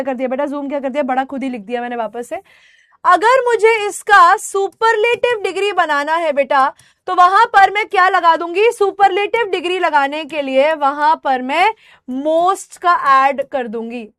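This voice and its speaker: Very high-voiced woman teaching an online class. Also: a bit bright, dry recording, clean studio sound. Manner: patient, addresses students as "beta"; slows down and stresses example words. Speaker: English teacher. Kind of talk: live online class, Hindi-English mix.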